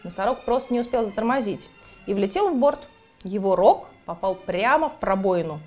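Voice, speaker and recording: A woman reading a children's book aloud, in an expressive storytelling manner. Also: mid-range voice, a little fast, soft background music. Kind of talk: storybook narration.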